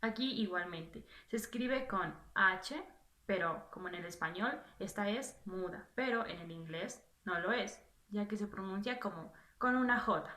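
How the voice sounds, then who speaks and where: A woman with a bright, clear voice leads a children's lesson at an unhurried pace. She repeats each word patiently and asks encouraging questions. The room is echoey, with faint music underneath. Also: mid-range voice. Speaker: English teacher.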